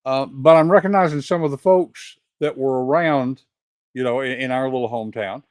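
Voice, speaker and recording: An older man with a Southern accent hosts an interview over a video call. His voice sits at a middling pitch and sounds close and dry, without any room echo. He talks conversationally and often thinks aloud as he goes. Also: normal speed, a little mellow. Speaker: host.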